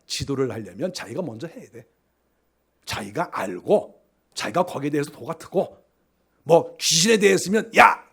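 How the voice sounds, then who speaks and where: A man's voice: sits high, breathy edge. A middle-aged man preaching a sermon as pastor, telling stories and acting out the voices of church members. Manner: animated storytelling, acting out quoted church members.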